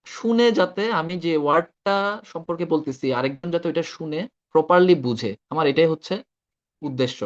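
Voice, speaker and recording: A man's voice: on the high side, highs cut off. A man teaching Arabic pronunciation in an online class, patient and often checking that students follow. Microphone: video call.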